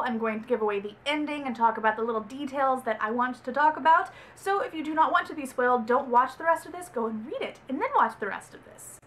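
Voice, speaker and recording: In a relaxed book review vlog, a young woman from Texas rambles about a book she's read, correcting herself as she goes. She has a fairly high, slightly bright voice.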